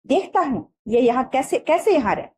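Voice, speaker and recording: A teacher reading aloud as an indignant, stubborn father from a storybook. His voice is mellow and raised in pitch, and his lines come out blustering and hot-tempered. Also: sing-song, a little fast, a little hiss or hum. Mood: angry.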